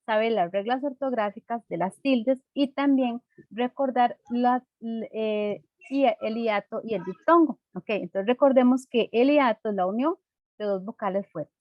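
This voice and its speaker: A woman's voice: on the high side, a little slow, dry recording, lo-fi sound. A woman teacher explaining a lesson patiently and simply, checking in with her class through frequent rhetorical questions.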